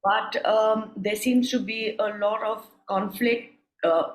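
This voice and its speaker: A woman's voice: mid-range voice, steady tone, slow pace. A woman interviewing conversationally, phrasing her questions tentatively and with measure. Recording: roomy, echoing sound.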